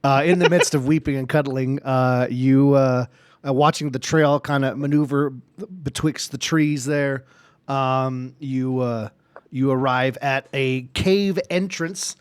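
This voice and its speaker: A man narrating a tabletop game as game master, in a halting way with many fillers. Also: medium pitch, fairly even intonation, clear, resonant tone, no room sound.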